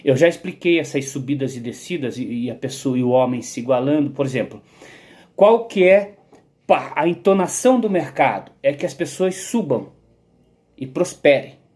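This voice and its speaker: A man with a fairly high, darkish voice rambles through a philosophical monologue about his own theory. He wanders off on tangents, repeats words, and keeps asking "entendeu?".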